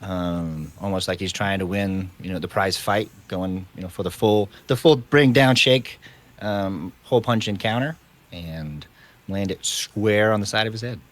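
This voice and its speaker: Low-voiced man describing his move. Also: measured pace. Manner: rambling descriptions with fillers. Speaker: player. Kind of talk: casual tabletop play.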